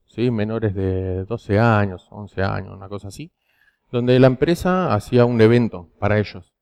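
Here an Argentine youth preacher addresses teenagers in a sermon, his medium-pitched voice warm, clear and resonant, though the audio is dull. He speaks with a Rioplatense Spanish accent, telling stories and regularly asking a rhetorical "¿sí?".

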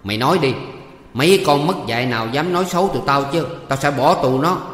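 A man voicing a bossy, quick-tempered middle-aged village wife who scolds and shouts threats. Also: medium pitch, natural voice. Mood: furious. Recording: echoey room with long reverb.

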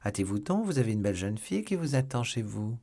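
A man's voice: mid-range voice, big pitch swings, fast talker, creaky, dark tone. A man voicing a sly, mocking middle-aged landlord in a drawling way, in an audiobook reading.

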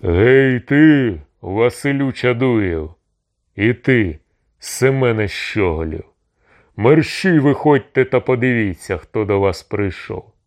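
A man voicing a gruff, bold Cossack captain in an audiobook, shouting and threatening. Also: low voice, moderate pace, natural voice. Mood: bellowing.

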